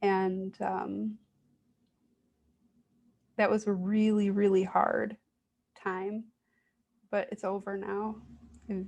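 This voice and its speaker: A woman giving a reflective, self-guided therapy demonstration, speaking in a gentle, soothing way with hesitant pauses. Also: mid-range voice, gravelly. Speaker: IFS parts work demonstrator.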